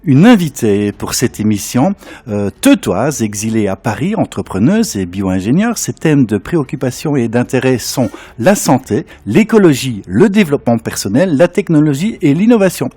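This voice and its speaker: A man hosting a conversational radio interview, asking drawn-out, hesitant questions and echoing what he hears. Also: mid-range voice, sing-song, mellow, breathy edge.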